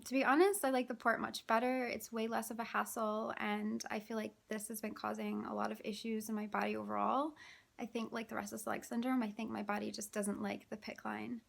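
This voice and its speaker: Woman, vlogger, casual chat, exhausted, out of breath, sighing, vocal fry, higher pitch. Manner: weary, halting, many fillers and sighs. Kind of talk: casual chatty vlog.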